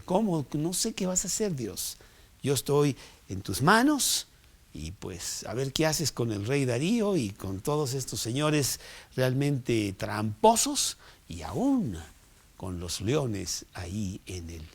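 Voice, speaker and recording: A male pastor delivers an unhurried sermon. His pitch swings widely as he exclaims over the story, and he turns often to chatty asides. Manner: animated, exclamatory, conversational asides.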